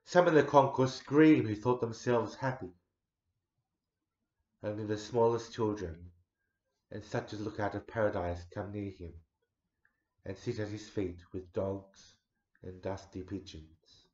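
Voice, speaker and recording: A man in his forties recites a poem with slow, deliberate care. His fairly low voice swells to loud and then sinks to a near hush. The recording is roomy and echoey, with a dull, lo-fi sound. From Australia. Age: 40s. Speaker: poetry reciter. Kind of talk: dramatic poetry recital.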